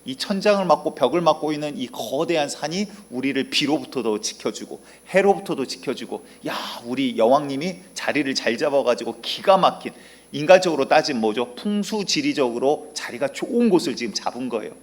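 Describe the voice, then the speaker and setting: A man voicing a colony of small, excitable ants who cry out in alarm. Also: a little fast, natural voice. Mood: contented. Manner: exclaiming, high and loud. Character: small worker ants, excitable and easily panicked.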